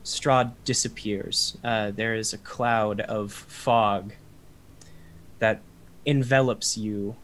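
A young man narrating a tabletop game as game master, relaxed, with many fillers. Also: fairly low pitch, slow pace. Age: young adult.

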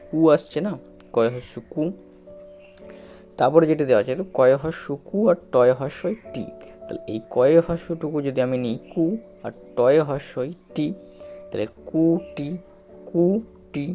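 A man with a gravelly, mellow voice works through a reading lesson, sounding out each syllable slowly and repeating it. He checks in often with the listener. Faint music plays underneath. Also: mid-range voice. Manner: slow, repetitive, drawn-out syllables with frequent checks. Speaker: teacher.

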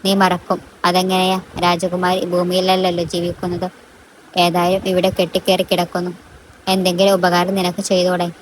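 A woman voicing a sharp-tongued middle-aged aunt who scolds her niece sarcastically. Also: lowish voice, monotone, normal speed, a little hiss or hum, lightly acted, low-quality recording. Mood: scornful.

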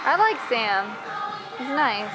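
A woman's voice: on the high side, sing-song, takes it slowly, over loud music, low-quality recording. A young woman chatting casually on a vlog, giggly and teasing, filmed on a handheld camera. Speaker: vlog co-host. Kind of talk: casual chat. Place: car and stores.

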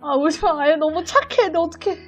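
A woman chatting casually during a live dubbing session, with an animated, teasing and exclamatory manner. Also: very high-pitched, brisk. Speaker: amateur voice performer in a dubbing session. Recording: music behind the voice. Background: background music.

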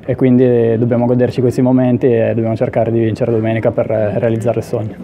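Speaking fast in a monotone at medium pitch, a twenty-something footballer fields questions after a match. He stands in an indoor press area in front of a sponsor backdrop with a handheld interview mic, and the recording sounds slightly dull and noisy.

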